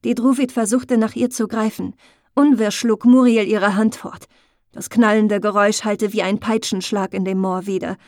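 A woman narrating an audiobook in a slow, intimate, emotive storytelling manner, recorded close on a studio mic. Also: mid-range voice, fairly even intonation, a little mellow, no echo. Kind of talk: scripted narration.

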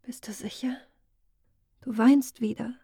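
A woman's voice: high voice, a little slow, vocal fry, mellow, husky, no room sound, studio quality, pitched above the performer's own voice, heavily acted. A woman voicing a tender, anxious young druid woman in an audiobook, whispering breathily and rising to pleas.

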